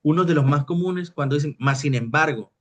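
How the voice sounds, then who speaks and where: A man's voice: a little high, a little fast. Man lecturing on writing. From Mexico. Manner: explains with examples, often checks with "¿verdad?". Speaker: teacher. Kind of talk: recorded lecture on technical writing.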